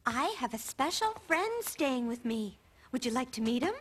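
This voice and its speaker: A woman voicing a patient cartoon grandmother who gently coaxes and reassures a frightened child. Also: high voice, very animated, normal speed, breathy edge, full character voice. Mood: reassuring. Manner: soothing, coaxing, reassuring. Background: music.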